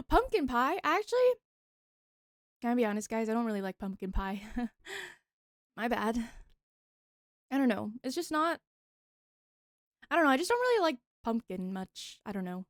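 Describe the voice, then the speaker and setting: A young woman streamer chatting casually with her viewers, bubbly and talkative, reacting loudly to the chat. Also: a little high, very animated, unhurried, long pauses, no room sound, studio quality.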